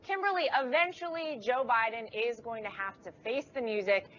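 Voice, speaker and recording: Bright-voiced woman hosting a political talk show. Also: fairly high pitch, normal speed. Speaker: host. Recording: dull lo-fi stream audio with faint noise.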